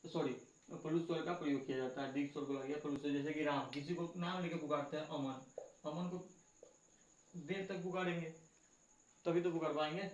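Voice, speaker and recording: A man's voice: a little high, steady tone, fast, slight background noise. A man teaching a grammar lesson, asking the class questions and answering them himself, going back over each point. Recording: echoey room, dull lo-fi sound.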